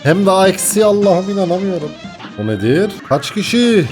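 A young man talks through a hard video game in an excitable, jokey way. His voice sits a little high, and he swings from mock panic to laughter. Faint game music plays behind him. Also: moderate pace. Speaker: gaming YouTuber. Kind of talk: live gameplay commentary.

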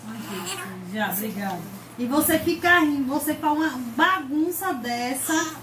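A woman's voice: sits high, expressive, measured pace. A mother cooing and coaxing her baby in sing-song baby talk at home, filmed from across the bedroom. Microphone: camera held by someone else, at a distance. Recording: echoey room, far from mic, background noise.

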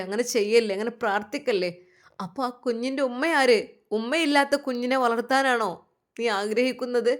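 A woman voicing a tender, earnest young husband with a Malabar Malayalam accent, gently urging. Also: fairly high pitch, close to an everyday voice.

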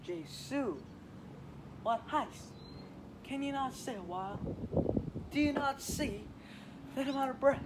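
A man's voice: sits high, lively intonation, measured pace, very noisy. A teenage boy playing a weary, teasing old woman nurse in a school Shakespeare reading, drawing out complaints about her aches. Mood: complaining. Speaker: student actor.

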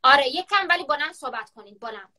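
A woman's voice: sits high, lively intonation, sharp tone. A woman hosting a live stream on her phone, chatting, gossiping and teasing her guests. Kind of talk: casual live-stream chat.

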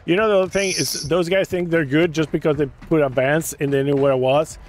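A man's voice: on the high side, fairly even intonation, a little fast. A man with a Puerto Rican accent, a streamer joking and muttering through casual gaming chat over noisy game audio.

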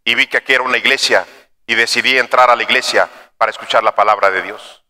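A man preaching a sermon as pastor, dropping to quiet storytelling and rising to shouts. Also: mid-range voice, fairly even intonation, fast talker, big-room sound. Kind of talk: fiery sermon. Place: church.

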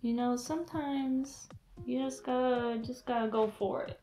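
A woman's voice: fairly high pitch, steady tone, a little slow, reverberant, noisy background. A young woman hosting a casual video chat, talking in a chatty, giggly way with lots of "like" fillers, recorded by a camera mic a few feet away in a small room. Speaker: host. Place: small indoor room with a decorated table.

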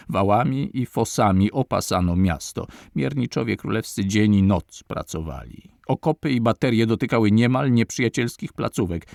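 A male audiobook narrator with a low voice and a gravelly edge. He reads in a measured, dramatic way. The recording is dry and close. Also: darkish tone, no room sound. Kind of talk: audiobook reading of a historical novel.

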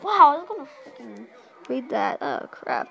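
A young woman giving casual, rambling commentary while playing a handheld game, excitable and full of asides, in a small dim room. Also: high-pitched, moderate pace, gravelly, slight background noise. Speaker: gameplay narrator. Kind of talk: casual let's-play commentary. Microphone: handheld camera filming a game screen.

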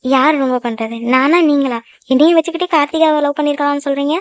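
A young woman voicing a jealous, quick-tempered girlfriend in a cartoon, scolding and sulking fast. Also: high-pitched, fairly even intonation, no echo, close to an everyday voice. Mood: sulky, scolding. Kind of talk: cartoon voice acting.

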